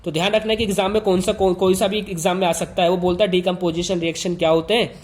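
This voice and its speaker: A man's voice: high-pitched, fairly even intonation, quick pace. A man teaching an informal lesson, talking straight to his students with emphatic repetition.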